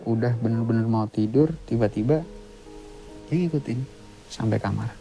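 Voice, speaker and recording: A man talking as a podcast guest, retelling an eerie experience in halting, plain speech with short, clipped sentences. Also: medium pitch, gravelly, warm tone, faint music behind, low-quality recording. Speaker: guest storyteller, author. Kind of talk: casual spoken retelling of a ghost story.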